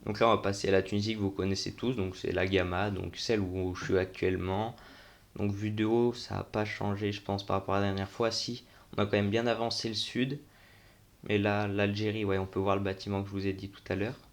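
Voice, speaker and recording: This gaming video host is a young man who narrates a game tour off the cuff, musing aloud in casual slang. He speaks a little fast in a low-ish, deeply monotone voice full of vocal fry.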